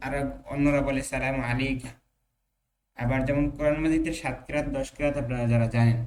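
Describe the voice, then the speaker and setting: A young man teaches an online Arabic class at an ordinary pitch. He reads each Arabic phrase slowly, then explains it step by step, pausing and hesitating as he speaks to his students. A faint hiss sits under his voice. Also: rough recording.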